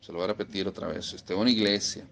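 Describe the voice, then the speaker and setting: A man's voice: low-pitched, steady tone, racing, gravelly, a bit bright. A man preaching a sermon, emphatic and repeating phrases for stress.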